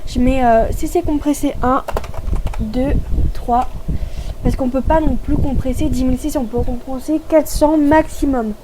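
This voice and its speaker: A woman giving a casual tutorial voice-over for a video game, chatty and explanatory, pausing often to hesitate as she goes. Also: high-pitched, steady tone, background noise. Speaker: gaming tutorial host.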